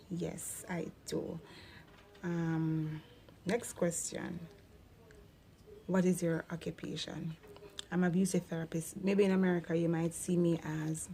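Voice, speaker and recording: A woman's voice: on the low side, dark tone. A Jamaican woman in her thirties chatting casually through a Q&A vlog, slipping into patois now and then. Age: 30s. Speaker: vlogger.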